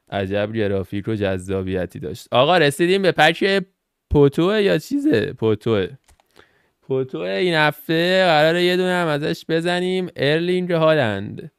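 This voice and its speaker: Reacting to cards as he opens them in a football game, a young Iranian gaming channel host gives chatty, slangy commentary and thinks aloud. His voice is gravelly but smooth and a little high, recorded dry and close to the mic.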